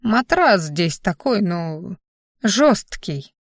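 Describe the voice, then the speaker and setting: A sheepish, grumbling old father-in-law speaks slowly and softly in an audiobook, as a woman narrator puts him on. His lines come out plain and unhurried, with a mid-range voice in a dry, close recording. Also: mid-range voice, sing-song, dry recording, exaggerated voice. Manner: slow, quiet, grumbling.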